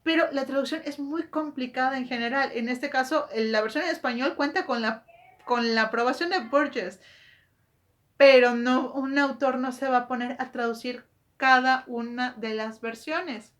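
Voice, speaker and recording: A woman talks through her topic like a book vlogger, chatty and quick to correct herself mid-sentence. She keeps throwing rhetorical questions at her viewers. Her voice sits a little on the high side. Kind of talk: casual explanatory monologue.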